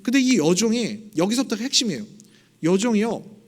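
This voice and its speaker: A male pastor preaching in a church with a fairly high voice. He tells a story casually and talks directly to the congregation. He slips into voices when he acts out scenes. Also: sing-song, a little fast. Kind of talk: sermon. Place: church sanctuary.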